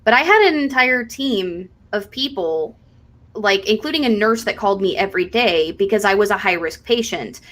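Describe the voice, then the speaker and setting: Host, woman, mid-pitched voice, candid and chatty. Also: animated, moderate pace, a bit bright. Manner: candid, chatty, lots of fillers. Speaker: podcast host. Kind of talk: casual chat.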